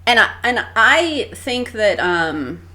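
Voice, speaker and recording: A woman co-hosting a podcast as a coach, chatting casually in a frank, animated way and swearing freely. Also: a little high, slow. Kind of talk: casual chat.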